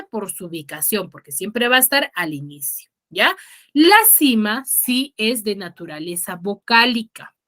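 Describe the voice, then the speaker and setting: This online class is led by a woman whose voice is medium-pitched with a sharp tone. She explains things patiently, stresses the key words, and often checks on her students by asking questions.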